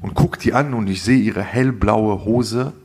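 Gravelly, husky slang-heavy male storyteller. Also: lowish voice, unhurried. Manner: slangy, animated storyteller, says "Alter" a lot. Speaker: podcast co-host. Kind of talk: casual storytelling.

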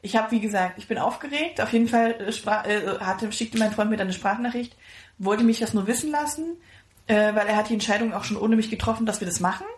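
Excitable woman podcast host. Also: mid-range voice, fast. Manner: excitable, gushing storyteller. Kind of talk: casual chat. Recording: echoey room.

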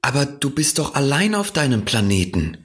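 A man voicing a small, curious boy prince who speaks in an earnest, gentle, wondering way in an audiobook reading. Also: mid-range voice, big pitch swings, moderate pace, pitched above the performer's own voice.

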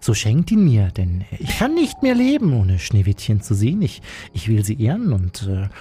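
A woman's voice: very deep voice, wildly swooping pitch, normal speed, dark tone, husky, voice pushed down, heavily acted. A woman playing an earnest, lovesick young prince in a comic fairy-tale reading. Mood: pleading.

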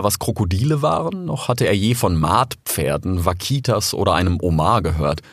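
Low gravelly male narrator. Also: dry recording, clean studio sound. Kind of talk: scripted audiobook narration.

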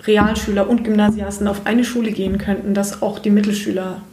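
Speaking briskly in a level, darkish, mid-range voice, a young schoolteacher from Bavaria, Germany, gives frank, chatty interview answers and laughs readily. There's a roomy echo and slight background noise.

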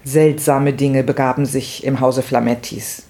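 A man reading a novel aloud in an unhurried, measured way, with a few casual remarks between chapters. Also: medium pitch, flat delivery, warm tone. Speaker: reader of a novel. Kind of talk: literary reading with brief chat.

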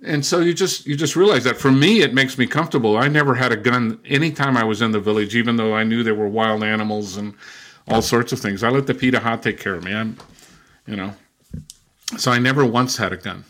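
An older man, a professor and former missionary, answering interview questions with reflective anecdotes and a loud lecturing habit. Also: mid-range voice, fairly quick. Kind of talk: conversational interview storytelling.

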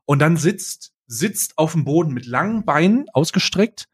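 A young man co-hosting a podcast tells a story in casual slang, animated and constantly restarting his sentences. His voice is husky, on the high side, at normal speed.

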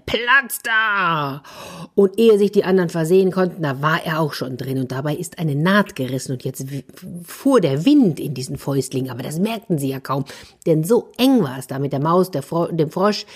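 Woman reading a kids' tale, low husky voice, soft and half-whispered. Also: lively intonation, normal speed. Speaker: storyteller for children. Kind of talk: telling a children's story.

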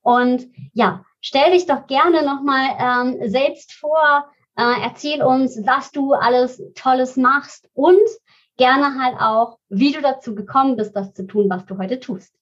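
Higher-pitched female host, lo-fi sound. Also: steady tone, slow. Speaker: podcast host. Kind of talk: conversational interview.

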